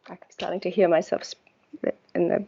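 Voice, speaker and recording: This New Zealand-accented water researcher has a lowish, level voice that is creaky and dark with a breathy edge. Appearing as a guest in a relaxed interview, she speaks thoughtfully and without hurry, frequently pausing to find her words, and the recording's highs are cut off.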